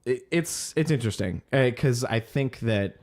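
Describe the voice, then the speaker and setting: A man at medium pitch reads music news as co-host of a casual podcast, his voice expressive and a little mellow at a moderate pace. He's hesitant throughout, with many ums and sentences that trail away unfinished while he searches for words.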